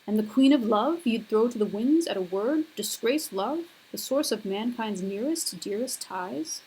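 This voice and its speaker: A woman lecturer putting on a deeper, manly voice for a stern male god, speaking in a slow, measured way. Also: expressive, warm tone, husky, rough recording. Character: stern male god defending his deed.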